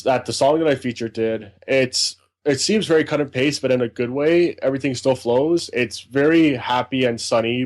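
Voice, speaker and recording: A man's voice: mid-range voice, darkish tone. A man co-hosting a casual podcast, reviewing albums in a rambling, enthusiastic way. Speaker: podcast co-host, music reviewer.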